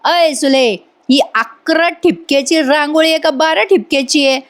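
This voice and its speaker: A man's voice: very high-pitched, fairly even intonation, normal speed, a bit bright, pitched above the performer's own voice. A woman voicing a teasing old father-in-law in a spoken serial retelling. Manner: playful, needling.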